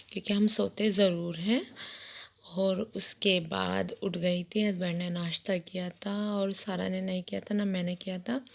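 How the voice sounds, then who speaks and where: A young woman narrates her day in a chatty, homely vlog voice-over. Her voice is slightly hoarse with a gravelly edge, and it stays fairly even in tone. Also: mid-range voice. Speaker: vlogger. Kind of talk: casual daily-life vlog narration.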